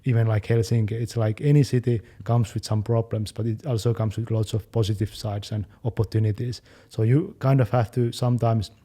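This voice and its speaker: A young man chatting casually as a fitness channel co-host, talking quickly and loosely, with many fillers. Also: lowish voice, warm tone. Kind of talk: casual chat.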